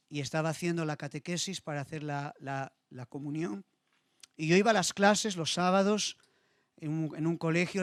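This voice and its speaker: Emotional pastor, higher-pitched man, dry sound. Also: dry recording. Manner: emotional storytelling, repeats phrases. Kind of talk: sermon with personal testimony.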